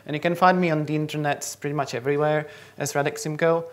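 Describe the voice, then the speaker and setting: On stage in a big lecture hall, a young man from the Czech Republic, a native Czech speaker, delivers a tech talk as a conference speaker through a handheld mic. He talks fast in a slightly high voice with little pitch movement, frequently pausing to quiz the audience.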